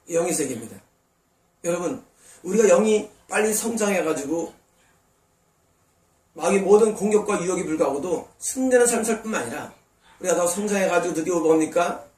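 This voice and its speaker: Male pastor, high voice, sermon with rhetorical questions, distant mic in an echoey sanctuary. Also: a little mellow. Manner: preaching with rhetorical questions to the congregation. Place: church sanctuary.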